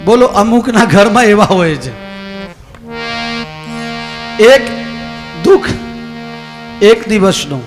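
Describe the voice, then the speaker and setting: High-voiced Gujarati storyteller in reverberant hall. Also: male voice, animated, takes it slowly, pauses often. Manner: folksy, acts out characters' lines. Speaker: religious storyteller. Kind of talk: devotional katha storytelling. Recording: long hall reverb with music.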